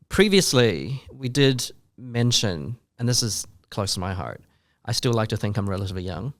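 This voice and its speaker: A man in his forties co-hosts a podcast in casual chat, rambling, poking fun at himself, and asking long questions. His voice sits fairly low and is very animated, delivered at a measured pace with no room sound.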